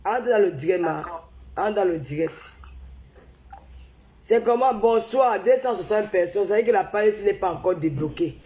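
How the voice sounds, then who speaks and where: She's a Cameroonian livestream host with the flu, animated and heated as she rants repetitively to viewers on a casual phone stream. Her medium-pitched, dark voice keeps a normal speed, though the roomy recording sounds poor.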